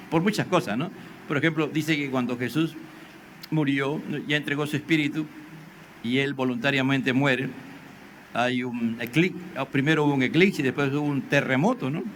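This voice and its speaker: A man's voice: medium pitch, normal speed, a bit bright. An older man, a pastor with a Peruvian Spanish accent, preaching a sermon in a conversational way, often tagging "no?" and acting out dialogue. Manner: conversational preaching with frequent rhetorical "¿no?"; acts out biblical dialogue in raised voice. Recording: faint background noise.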